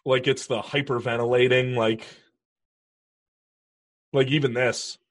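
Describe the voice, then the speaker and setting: A man's voice: medium pitch, little pitch movement, a little slow. A man casually chatting through a movie commentary, cracking jokes and laughing often. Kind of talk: casual movie watch-along chat.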